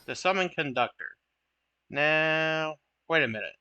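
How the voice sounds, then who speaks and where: A man's voice: fairly high pitch, expressive, a little slow, sharp tone, clear, resonant tone, no room sound, lo-fi sound. A young man giving casual, chatty commentary over his own card game matches, joking at his own misplays. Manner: chatty, self-deprecating, occasional swearing.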